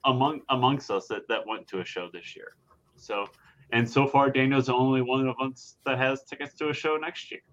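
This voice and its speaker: A man chatting casually on a podcast panel in an easygoing, halting way, with lots of fillers. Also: medium pitch, a bit bright, highs cut off. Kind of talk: casual chat.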